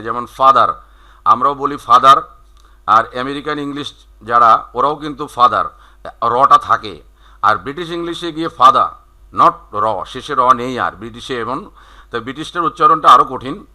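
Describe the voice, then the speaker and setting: A Bangladeshi man, a native Bengali speaker, teaches an online English class over a video call. His voice is very bright and sharp, and he explains slowly with frequent hesitations, mixing English into his talk. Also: mid-range voice.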